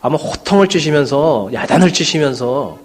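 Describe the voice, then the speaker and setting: A man's voice: on the high side, expressive, normal speed, breathy edge. Man preaching in a conversational style. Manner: conversational preaching with frequent fillers and asides. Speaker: pastor. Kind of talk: sermon. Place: church sanctuary.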